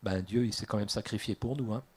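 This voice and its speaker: A French man, a pastor, preaching a sermon in a lively way, joking, laughing at his own asides and acting out the people he quotes with sudden loud bursts. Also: on the low side, fast, slightly rough. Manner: animated, acts out quoted voices with big jumps in loudness.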